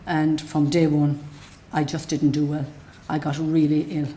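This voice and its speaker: Her voice is low and warm, a little slow, with little pitch movement. She is a middle-aged patient from Galway with a west of Ireland accent, telling her own story unscripted in a plain-spoken, matter-of-fact way.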